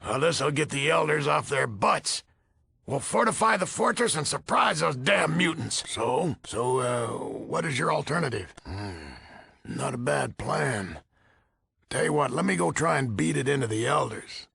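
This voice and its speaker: A weary, gruff old American who leads a military order in a video game speaks in a very gravelly, husky, raspy voice, pitched a little high for a man and carrying a hard, forceful edge. Impatient, he grumbles bluntly and folksily at an unhurried pace with big pitch swings. It's a full character voice recorded close and dry with no echo.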